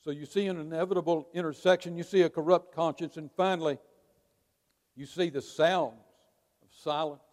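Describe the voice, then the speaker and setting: A man preaching a sermon to his church, emphatic, with dramatic pauses between words. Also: a little high, steady tone, darkish tone. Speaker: pastor. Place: church sanctuary. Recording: long reverb of a large hall.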